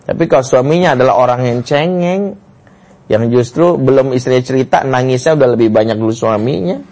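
A man's voice: medium pitch, fairly quick, darkish tone. A male Islamic lecturer, giving a family lecture and telling stories expressively with frequent "ya".

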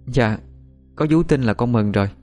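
A man's voice: medium pitch, moderate pace, warm tone, faint music behind, voice pushed up, lightly acted. A man voicing a wronged young female servant who talks in an earnest, pleading, sometimes firm way. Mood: timid earnest.

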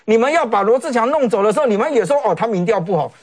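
A man with a Taiwanese Mandarin accent talks quickly, with a pitch that leaps up and down. He is a political commentator on a talk show, animated and sarcastic, often imitating other people's words. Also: breathy edge.

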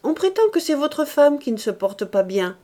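A woman's voice: high voice, sing-song, moderate pace, warm tone, voice pushed up. A woman voicing a retired male master tanner who speaks bluntly and sneers. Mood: sneering. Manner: brusque, sneering.

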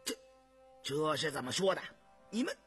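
A man voicing a weary, crippled older male scholar who speaks slowly, sighs and sometimes drops to a whisper. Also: a little high, big pitch swings, a bit bright, faint music behind, pitched above the performer's own voice. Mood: grave. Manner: slow, sighing, sometimes whispered.

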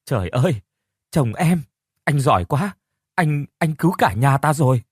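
A man's voice: medium pitch, expressive, normal speed, darkish tone, husky, no echo. A man voicing a young village wife who fusses over her husband and exclaims at his news, in a dry audio storybook recording. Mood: excited. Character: young village wife, anxious then overjoyed.

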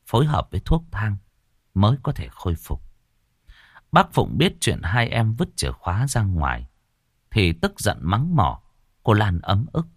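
A man narrating a horror story in a measured, dramatic way. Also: on the low side, no room sound, clean studio sound.

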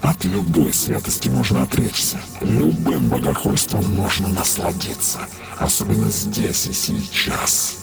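Sinister taunting sister, rough and lively in pitch, put on by a male narrator; storybook villain. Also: a little slow, over loud music, exaggerated voice. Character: sinister mocking female dark sister.

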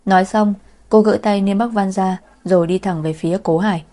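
A woman narrating a novel in a steady, measured storytelling manner. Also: mid-range voice. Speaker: audiobook narrator. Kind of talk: scripted narration.

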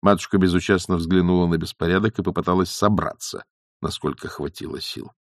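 A man reading an audiobook in a theatrical, lively way. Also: low voice, brisk, dry recording, clean studio sound. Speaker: audiobook narrator.

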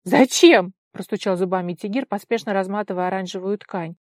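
A woman narrating a storybook in an even, steady read. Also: mid-range voice, fairly quick, no room sound, studio quality. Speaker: audiobook narrator. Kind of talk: scripted narration.

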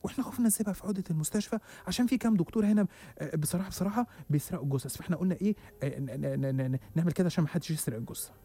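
A man with an Egyptian Arabic accent voicing a nervous male doctor who stammers out hushed excuses. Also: a little high, racing, husky.

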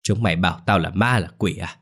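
A man's voice: sits low, fairly quick. A man voicing a ravenous, foul-mouthed old grandmother who snarls and shrieks curses. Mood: furious.

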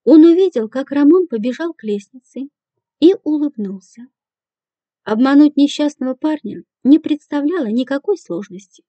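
A woman narrating an audiobook in a measured, even reading voice. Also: high-pitched, no room sound. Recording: dull, dry lo-fi recording.

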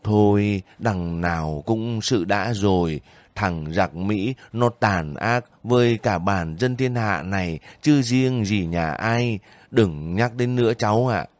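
A man's voice: fairly low pitch, slow, no room sound. A man voicing a kindly older village woman who pleads and sobs over her nephew in a spoken story. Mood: pleading. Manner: pleading, sobbing, fussing.

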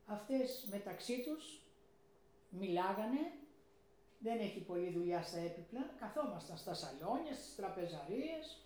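A woman's voice: medium pitch, very echoey, a little hiss or hum. An older Greek woman telling an oral history of her working life, acting out the voices of the people she quotes. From Greece. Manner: animated, acts out the voices of people in her stories. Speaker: interviewee recounting her life.

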